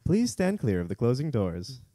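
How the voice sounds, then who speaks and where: A man's voice: medium pitch, huge pitch swings, normal speed, a crowd in the background. A man imitating a subway train station announcement. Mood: announcing. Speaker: podcast co-host.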